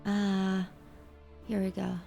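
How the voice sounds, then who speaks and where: A woman livestreamer chatting casually with her viewers while she games, pausing to thank them and answer their questions. She talks at a slow, easy pace in a mid-range voice. Soft music plays faintly in the background. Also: mid-range voice, completely flat delivery, vocal fry.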